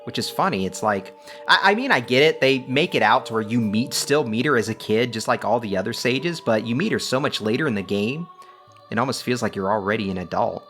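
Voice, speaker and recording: A man's voice: mid-range voice, animated, fairly quick, fairly bright tone, faint music behind. A man hosting a let's play, giving casual gameplay commentary with chatty, joking asides.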